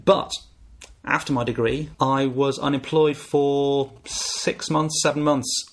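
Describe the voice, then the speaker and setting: A man in his forties from the north of England, with a softened northern English accent, hosting his own podcast in a reflective, candid monologue. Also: mid-range voice, fairly even intonation, slow. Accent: northern English, softened by years in the south. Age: 40s. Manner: reflective, candid, thinking aloud with small restarts. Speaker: podcast host.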